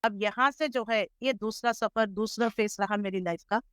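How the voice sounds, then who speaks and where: A woman's voice: medium pitch, clear, resonant tone, no echo, studio quality. Earnest middle-aged woman recalling her life. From Hyderabad, India. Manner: measured, earnest storytelling with English words mixed in. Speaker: interview guest, Islamic scholar. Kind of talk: reflective life-story interview.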